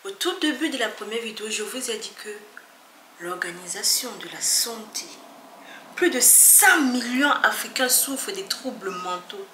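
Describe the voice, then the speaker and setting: A woman vlogger talking earnestly to her viewers, emphatic and often soft and hushed. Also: medium pitch, expressive, normal speed. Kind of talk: earnest talk to camera. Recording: echoey room with faint background noise.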